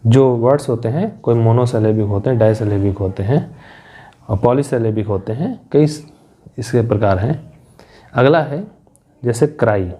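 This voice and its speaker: Mellow-voiced man teaching step by step. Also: mid-range voice. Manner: explains step by step, asking and answering his own questions. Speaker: English teacher. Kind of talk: classroom lesson explaining syllable patterns.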